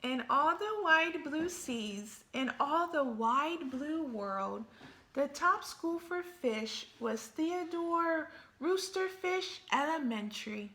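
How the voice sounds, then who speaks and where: A woman reading a children's picture book aloud expressively, thinking out loud and pausing to put questions to young listeners. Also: high-pitched, animated, roomy sound.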